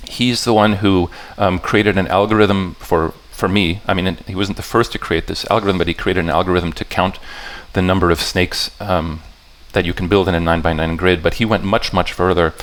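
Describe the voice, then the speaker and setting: This convention talk on puzzles comes from a low-voiced, slightly bright man with fairly even intonation. He stops and restarts sentences, reworking them as he goes, and periodically checks with the live audience that they're following.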